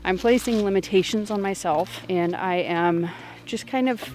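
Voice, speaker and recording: A woman's voice: medium pitch, normal speed, darkish tone, faint music behind. A young woman vlogging outdoors on her homestead, talking casually in a rambling, distracted way with lots of fillers, a little out of breath. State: slightly out of breath. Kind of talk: casual vlog talk.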